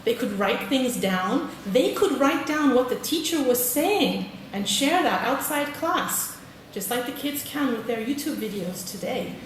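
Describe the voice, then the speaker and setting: High and expressive, this British woman's voice moves at a measured pace with hardly any pauses. She's a teacher trainer giving a friendly conference presentation, polling the audience and saying "okay" often, in a large hall recorded with echo, noise and a distant mic.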